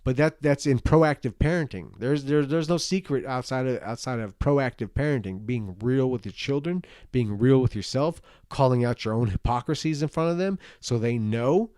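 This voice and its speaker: A drunk man talks through his opinions in a medium-pitched voice, rambling and circling back on his points. He is earnest, emphatic and blunt. The sound is dry, with little room to it. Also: normal speed, few pauses, a little mellow, dry recording. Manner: earnest, emphatic, repeats himself. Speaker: parent giving personal opinions. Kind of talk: rambling rant to an online audience.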